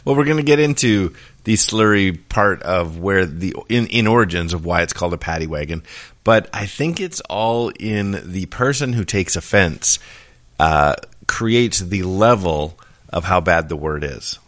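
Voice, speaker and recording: Male co-host, low voice, animated, teasing and jokey. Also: unhurried. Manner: playful, guessing jokingly. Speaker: podcast co-host. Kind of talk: casual chat.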